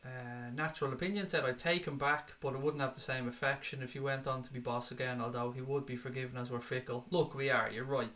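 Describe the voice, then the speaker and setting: Irish guy chatting on a stream, bright voice, blunt and sweary, reads out comments. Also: mid-range voice, fairly even intonation, quick pace, few pauses. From Ireland. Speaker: livestream host reading chat. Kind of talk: casual chat.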